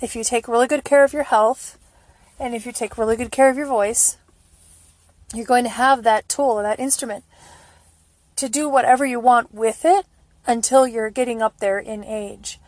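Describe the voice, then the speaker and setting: A woman's voice: on the high side, steady tone, moderate pace, no room sound. A woman hosting a solo podcast, talking in an informal, rambling, casual way. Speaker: podcast host. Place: at home, recorded in a stairwell for the introduction.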